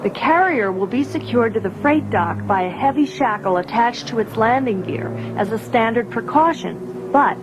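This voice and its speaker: An actress playing a composed, commanding rebel princess who leads a mission. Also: female voice, a little high, expressive, normal speed, hardly any pauses, noisy background, natural voice. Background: music.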